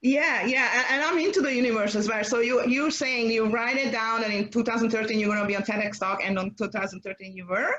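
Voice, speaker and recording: A woman's voice: on the high side, steady tone, fairly quick, hardly any pauses, fairly bright tone, highs cut off. A woman hosting a casual interview, speaking conversationally with hesitant, repeated phrases and non-native phrasing. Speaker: interview show host.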